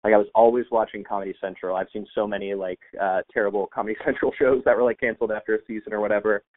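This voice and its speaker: A man's voice: lowish voice, fairly even intonation, racing. A man from the United States, a podcast guest, chatting casually with many fillers and restarts over a remote call. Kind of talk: casual interview chat. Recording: tinny phone-like line.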